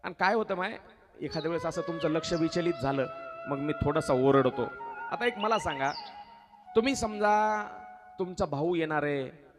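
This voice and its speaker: A man's voice: a little high, moderate pace, long pauses, music in the background. A male devotional preacher telling a sacred story in a sermon, questioning his listeners and sometimes breaking into song. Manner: exhorting, questions the audience and answers.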